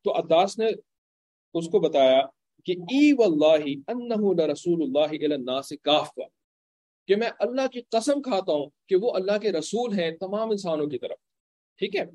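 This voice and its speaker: A man tells a religious story in an easy, conversational way, pausing often to check that his listeners are following and slipping in English words. His voice sits somewhat high for a man. The recording is dry and close, with no room echo. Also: darkish tone.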